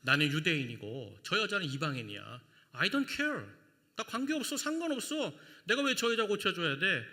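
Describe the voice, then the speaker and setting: A man's voice: sits high, sing-song, moderate pace, sharp tone, heavily acted. A man doing a curt, dismissive refusal. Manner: blunt, offhand. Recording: long church reverb.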